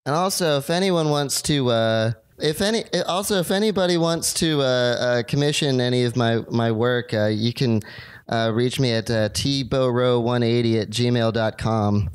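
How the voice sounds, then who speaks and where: Guy doing a clueless rambling artist on a radio bit, smooth clear voice, dry sound, uhs everywhere. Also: medium pitch, normal speed, no room sound, lightly acted. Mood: awkward. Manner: hesitant, rambling, many fillers. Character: bumbling amateur bottle artist, simple and rambling. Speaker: interview guest. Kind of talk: comedic radio sketch.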